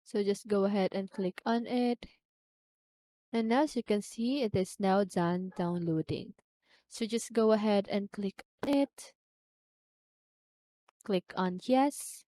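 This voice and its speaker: In a step-by-step software tutorial, a woman with a medium-pitched voice teaches at a slow pace, pausing often and regularly asking short check-in questions. There's no echo.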